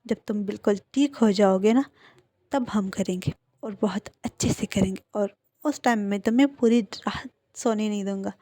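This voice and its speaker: A woman's voice: medium pitch, normal speed, mellow, no echo, lightly acted. A woman voicing a doting, teasing young man who coaxes his partner patiently. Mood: tender. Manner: coaxing, patient.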